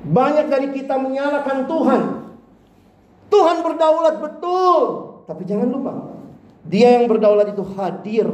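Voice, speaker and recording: Middle-aged male preacher, high mellow voice, lively storytelling sermon, distant mic in an echoey church hall. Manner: animated, acts out voices in anecdotes, addresses listeners as "saudara".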